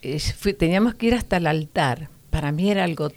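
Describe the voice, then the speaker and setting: A middle-aged woman with a fairly low voice speaks a little fast as an interview guest, giving a personal account of her childhood. She tells it with animation, acting out the voices of her younger self and her sister in a casual exchange.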